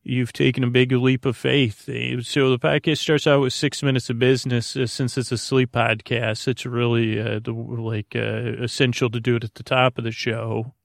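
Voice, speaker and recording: This sleep podcast host is a man with a creaky, medium-pitched voice, delivering a friendly bedtime monologue in a level tone. He rambles soothingly and haltingly, repeating himself and drifting off mid-thought. The studio-quality recording has no echo.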